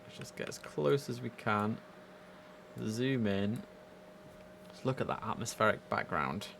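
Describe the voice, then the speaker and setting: Indoors at a computer, a young man streams a game live with chatty, upbeat commentary in a lowish, gravelly voice, speaking a bit slowly. Background noise is present.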